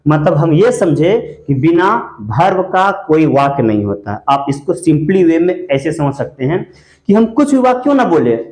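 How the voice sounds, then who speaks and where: A male teacher with a high voice gives a grammar lecture at the board, asking questions and answering them himself. He says words slowly and repeats them. The echo of the classroom rings around his voice. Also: a little mellow. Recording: echoey room.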